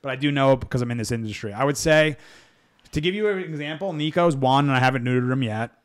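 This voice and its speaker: Man, podcast host, casual rambling chat, frank, mid-pitched voice. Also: quick pace. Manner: rambling, self-interrupting, frank. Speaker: dog trainer and podcast host.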